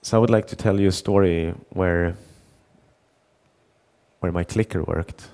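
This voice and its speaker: A man's voice: sits low, steady tone, a little slow, mellow. A middle-aged man giving a conference talk, telling a story with many restarts and repeated words and acting out the dialogue. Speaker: conference speaker.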